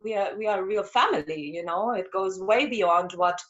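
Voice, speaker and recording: Hungary-born woman in her 40s, earnest, halting, on headphones, dull call sound. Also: mid-range voice, a bit bright. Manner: earnest, moved, hesitant with fillers. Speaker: community member. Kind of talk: casual chat on a video call. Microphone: headphones on a video call.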